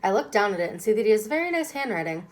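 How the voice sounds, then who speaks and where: A woman's voice: medium pitch, very animated, rapid-fire. Woman reading a children's novel aloud. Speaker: reader.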